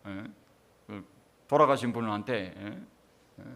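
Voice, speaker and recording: A man's voice: mid-range voice, expressive, moderate pace, fairly bright tone. A middle-aged man, a pastor preaching a sermon with emphatic rhetorical questions to his congregation.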